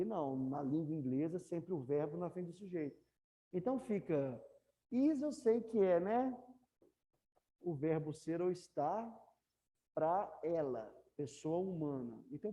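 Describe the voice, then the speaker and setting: A woman's voice: deep voice, warm tone. A woman English teacher with a Brazilian Portuguese accent, explaining grammar to a class and checking in with students often. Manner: patient, repeats questions to students.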